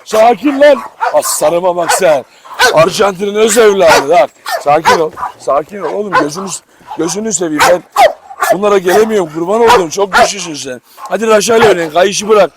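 Out in a yard, a man with a high voice runs a laid-back dog-farm vlog at a moderate pace, talking to viewers and lovingly coaxing his dogs. The recording picks up plenty of outdoor noise.

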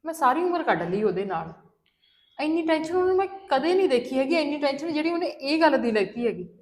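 A middle-aged woman acting a worried mother who gently but firmly scolds her grown son. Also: high voice, very animated, fast. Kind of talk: Punjabi web drama acting.

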